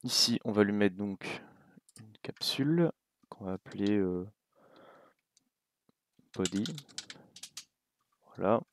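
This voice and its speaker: A young man with a French accent giving a relaxed, casual coding tutorial at his computer, thinking aloud with many fillers and asides. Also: fairly low pitch, takes it slowly, long pauses, a little hiss or hum. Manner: relaxed, talks while clicking, many fillers and little asides. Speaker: game development tutor.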